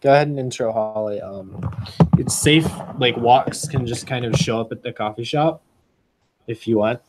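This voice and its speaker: A man's voice: medium pitch, normal speed, background noise. A man narrating casually as game master of a tabletop game.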